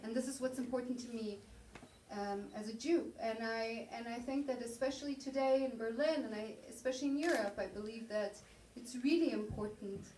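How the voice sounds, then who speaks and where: A woman's voice: a little high, moderate pace, darkish tone. A woman, a theater performer, speaking earnestly and emphatically after a show. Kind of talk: post-show talk. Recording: echoey room from far off, light noise.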